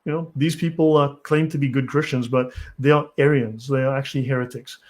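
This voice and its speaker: On a live stream, a South African channel host reads from articles and responds to chat. He speaks a little fast at an ordinary middle pitch with fairly even intonation, lecturing bluntly and impatiently.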